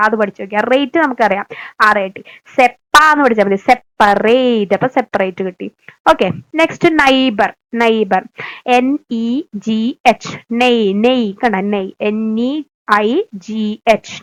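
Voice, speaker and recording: Keralan woman teaching spellings slowly. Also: on the high side, clean tone, rough recording. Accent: Keralan Malayalam. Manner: slow, stressed, repeated spelling-out of words; coaxing, adds "kettō" tag to lines. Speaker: exam-prep English teacher. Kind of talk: spelling lesson in Malayalam.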